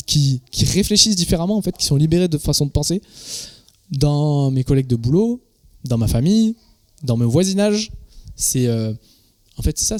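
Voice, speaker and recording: Conversational French man preaching a sermon. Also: fairly high pitch. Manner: conversational, repeats words while searching for phrasing. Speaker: pastor. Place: church.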